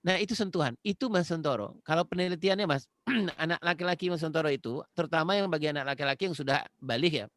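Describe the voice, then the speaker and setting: A man's voice: a little high, quick pace, a bit bright, no room sound, studio quality. Earnest man lecturing on a video call. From Indonesia. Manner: earnest, repeats phrases, addresses listener directly. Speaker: parenting webinar speaker. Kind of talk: conversational lecture.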